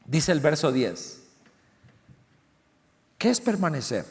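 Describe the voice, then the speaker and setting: A middle-aged man preaching a sermon, emphatic, with loud stressed lines and soft low asides. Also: very animated, slow pace. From Central America. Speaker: pastor. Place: church sanctuary. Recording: long church hall reverb.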